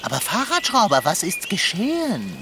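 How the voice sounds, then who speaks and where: An actor playing a grumpy, whiny talking tomcat with a lordly, fussy way of speaking in a children's radio play. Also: male voice, high-pitched, huge pitch swings, normal speed, noisy background, full character voice. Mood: grumbling. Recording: outdoor nature ambience behind.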